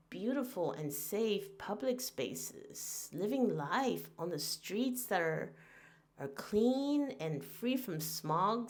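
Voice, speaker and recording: An unhurried woman from Taiwan in her forties, speaking at a slow, steady pace in a voice of middling pitch. She muses aloud as a podcast host, earnest and reflective, often pausing on fillers and starting a sentence over. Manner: earnest and musing, with frequent fillers and restarts.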